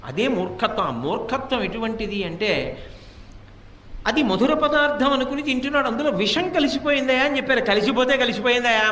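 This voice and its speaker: High-voiced man giving a religious discourse. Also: fairly bright tone, a little hiss or hum. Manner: rhetorical questions, acted quotes. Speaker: spiritual teacher. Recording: echoey room, distant mic.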